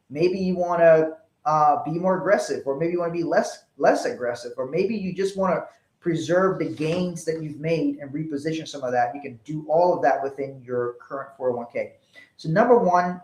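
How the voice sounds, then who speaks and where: There's a darkish tone to this man's voice, though his pitch leans high. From Liberia in West Africa, he presents a financial webinar conversationally, explaining points and illustrating them with dialogue he acts out, all in a roomy, echoing space.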